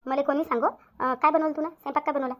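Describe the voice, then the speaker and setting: Bossy old auntie in a cartoon played by a woman, scolding super fast. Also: high-pitched, steady tone, close to an everyday voice. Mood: nagging. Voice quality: scolding, nagging. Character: bossy fussy older aunt, demanding. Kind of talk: cartoon voice acting. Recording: dull lo-fi audio.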